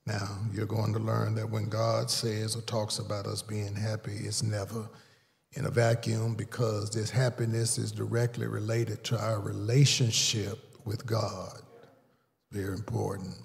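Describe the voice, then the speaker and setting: A man, preaching a sermon as pastor and calling out to the congregation, often building louder and higher for emphasis. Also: flat delivery, measured pace, gravelly. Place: large church sanctuary. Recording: long reverb of a large hall.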